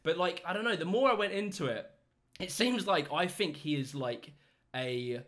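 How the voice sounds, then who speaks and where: Young british guy hosting, animated storytelling, voice a bit high. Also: moderate pace. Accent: British English. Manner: animated storyteller, laughs often, does mock voices. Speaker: host. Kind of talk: casual chat.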